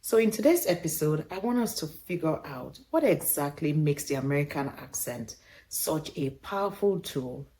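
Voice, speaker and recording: A woman hosting a podcast, delivering scripted explanatory narration in deliberate, emphatic short phrases. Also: low voice, expressive, mellow, breathy edge. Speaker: podcast host.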